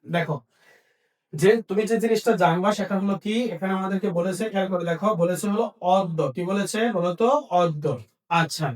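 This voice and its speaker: High-voiced teacher asking and answering himself. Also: male voice, brisk, distant mic. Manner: asks questions and answers them himself, repeats key points. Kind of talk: exam-prep grammar lesson.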